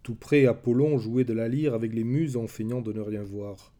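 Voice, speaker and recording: A man narrating a story in a measured, dramatic way. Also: mid-range voice, steady tone, mellow.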